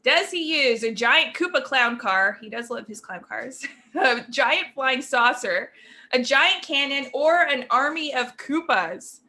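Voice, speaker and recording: Woman co-host reading quiz questions; bright, slightly high voice, playful and giggly. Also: slight background noise. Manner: playful, giggly, reads options aloud deliberately. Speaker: trivia co-host.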